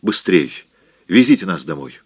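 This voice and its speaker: A young woman in an audiobook, put on by a male reader, gentle yet firm and commanding. The reader stays close to his own low, dry voice. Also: big pitch swings, normal speed, creaky, breathy edge, no room sound, exaggerated voice.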